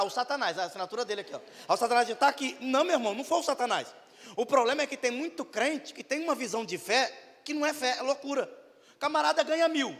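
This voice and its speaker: A Brazilian pastor with a very high, gravelly voice preaches a playful sermon, slipping into character voices and sudden shouts. His words ring out in a large church hall with a long echo trailing after them. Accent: Brazilian Portuguese. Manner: acts out voices of congregants and demons, shouting bursts. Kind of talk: lively humorous sermon.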